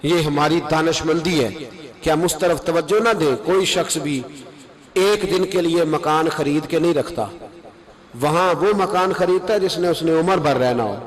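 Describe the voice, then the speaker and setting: Man preaching a fired-up sermon, high voice, crowd noise all around. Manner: impassioned, rises to high emphatic calls.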